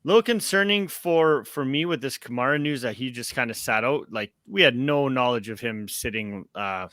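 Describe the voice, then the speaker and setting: A man's voice: mid-range voice, animated, moderate pace, fairly bright tone, no echo, studio quality. A young man hosting a casual sports podcast, upbeat and rambling with plenty of fillers. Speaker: podcast host.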